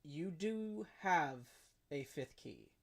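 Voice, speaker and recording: A game master running a tabletop game, narrating in a relaxed way and calling for rolls. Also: mid-range voice, slow pace, gravelly.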